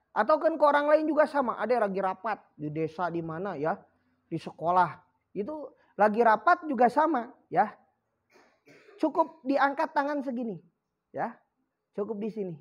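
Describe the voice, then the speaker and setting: A woman teaching an Islamic lesson to children, acting out greetings and often checking that they understand. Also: mid-range voice. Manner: acts out greetings and examples, asks "paham ya?" often.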